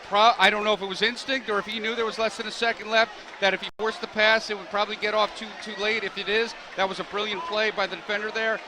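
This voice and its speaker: A man's voice: sits high, quick pace, few pauses, noisy background. Man, sports commentator, emphatic, live game recording, crowd roar. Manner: excited, emphatic. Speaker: play-by-play announcer.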